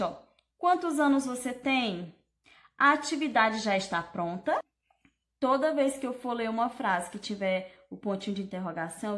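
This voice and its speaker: A woman, a primary school teacher giving a lesson to young children in a slow, sing-song voice, exaggerating her intonation when she reads examples aloud. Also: fairly high pitch.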